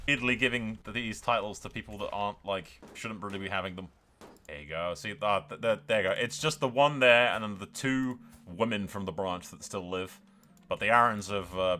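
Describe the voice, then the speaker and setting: Hosting a gaming video, a man gives casual, sweary, blunt gameplay commentary mixed with role-play asides. His voice is on the low side, with a pushed, bright quality.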